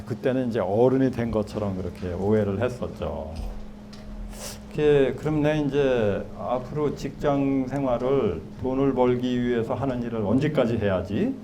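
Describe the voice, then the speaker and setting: A man in his sixties giving a public lecture in a small hall, chatting and asking the audience questions. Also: mid-range voice. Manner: conversational, asks the audience questions. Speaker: guest lecturer. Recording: lecture hall with background noise.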